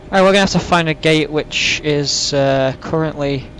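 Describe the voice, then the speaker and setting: A man's voice: a little high, moderate pace, a bit bright, a little hiss or hum, rough recording. A man giving casual, rambling, self-deprecating gameplay commentary as a flight sim host, saying w for r. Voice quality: can't pronounce R's properly, says w for r.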